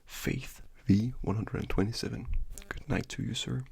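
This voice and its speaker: A man's voice: medium pitch, fairly even intonation, moderate pace, gravelly, a little mellow, slightly rough. A young man whispering names over and over as ASMR trigger words, with casual joking asides, in a whispered role-play. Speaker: ASMR creator.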